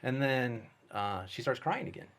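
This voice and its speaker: A man, a guest filmmaker, telling a story in casual, animated conversation. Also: mid-range voice, moderate pace. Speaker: guest, special effects artist and filmmaker.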